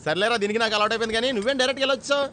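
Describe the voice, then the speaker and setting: A man's voice: very high-pitched, racing, a little hiss or hum. An actor playing a joking young man at a fuel station who mocks and chants at his friends. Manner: loud joking, mocking chants. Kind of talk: film comedy dialogue.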